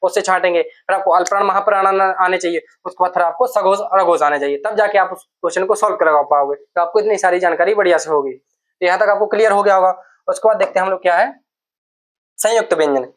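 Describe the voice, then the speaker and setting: Male teacher, classroom lecture; dictates slowly, repeats phrases, answers his own questions. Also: high-pitched, fairly bright tone. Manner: dictates slowly, repeating words for students to note down; asks questions and answers them himself.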